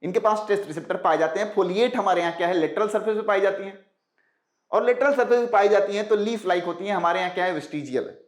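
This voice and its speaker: High-voiced man teaching biology, echoey room. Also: quick pace. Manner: rhetorical questions answered by himself; mixes English science terms into Hindi. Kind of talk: exam-prep lecture.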